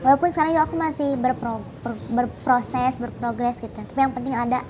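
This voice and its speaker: A young Indonesian woman speaks in a high, cute, girlish voice. She answers as a casual interview guest, agreeable and slightly halting. There is clear ambient noise behind her. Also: steady tone. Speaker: interview guest, dangdut singer.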